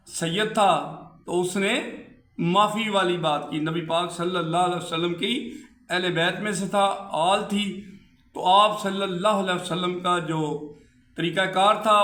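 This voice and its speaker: High-voiced man telling a moral tale. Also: pushed and bright, roomy sound. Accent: Pakistani Urdu. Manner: conversational, addresses listeners as "janab", quick bursts when quoting. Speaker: storyteller. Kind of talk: narrating a moral tale with quoted dialogue.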